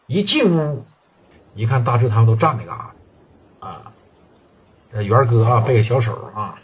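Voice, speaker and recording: A man with a Northeastern Mandarin accent telling a gangland tale in colloquial, animated storytelling style, slipping into characters' voices. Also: medium pitch, moderate pace, dull audio, slight background noise. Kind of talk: oral crime storytelling.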